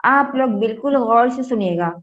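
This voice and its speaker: A woman from India teaching Quran recitation. She spells each word slowly, syllable by syllable, and then recites the whole verse. She quizzes her students patiently and mixes English words into her explanations. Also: a little high, noisy background. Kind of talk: Quran recitation lesson, spelling out letters and vowels. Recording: muffled lo-fi audio.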